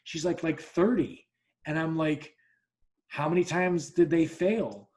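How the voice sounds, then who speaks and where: A man with a fairly high but darkish voice speaks slowly as he hosts an easygoing podcast. Telling a story bluntly and cursing freely, he keeps restarting and plays out both speakers in the dialogue.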